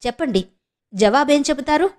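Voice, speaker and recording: A woman's voice: sits high, expressive, moderate pace, darkish tone, voice pushed up. A woman voicing a young woman, a firm, protective elder sister who presses with questions. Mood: angry.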